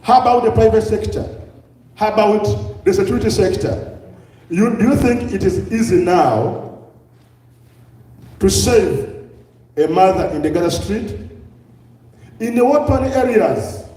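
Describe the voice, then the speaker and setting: A man's voice: high voice, animated, measured pace, pauses often, warm tone. Ugandan man lecturing in an echoey hall. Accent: Ugandan English. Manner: asks the audience many rhetorical questions. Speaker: public health speaker. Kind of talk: lecture to a live audience. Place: large hall with an audience. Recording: echoey hall, distant mic.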